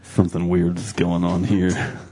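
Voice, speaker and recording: A man's voice: completely flat delivery, a little slow, warm tone, husky. A man co-hosting a podcast, joking in casual crude banter in a laid-back way. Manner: laid-back and joking, bursts into high laughs. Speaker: podcast co-host.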